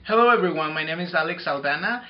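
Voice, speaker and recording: A man's voice: fairly high pitch, lively intonation, fast talker, lo-fi sound. A man in his twenties from Mexico speaks confidently and directly to camera indoors. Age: 20s. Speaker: activist giving a statement. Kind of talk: scripted statement to camera. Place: indoors before a curtain.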